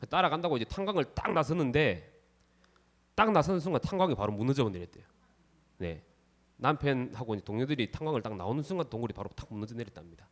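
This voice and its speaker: A man's voice: mid-range voice, fast. A man, a Buddhist monk, telling a story during a sermon and acting out the people in it. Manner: lively storyteller, acts out the characters in the tale. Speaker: Buddhist monk giving a dharma talk.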